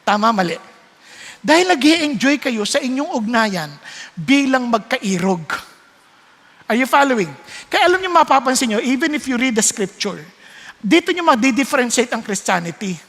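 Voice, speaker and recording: A man preaching a sermon, storytelling with lively switches between Tagalog and English and acting out voices. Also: very high voice, normal speed. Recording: long hall reverb.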